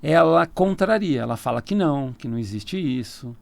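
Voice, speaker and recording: A man's voice: on the high side, expressive, normal speed, gravelly, no room sound. A man with a Brazilian Portuguese accent, a tarot reader talking casually as a radio interview guest, explaining at length and laughing easily. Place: radio studio.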